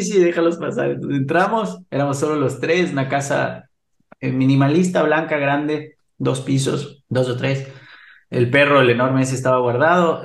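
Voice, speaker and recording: A man in his thirties from Ecuador with an Ecuadorian accent, a podcast guest telling a story in a lively way and acting out the voices of the people in it. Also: mid-range voice, creaky. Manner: animated, acts out quoted voices. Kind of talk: casual storytelling. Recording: roomy echo.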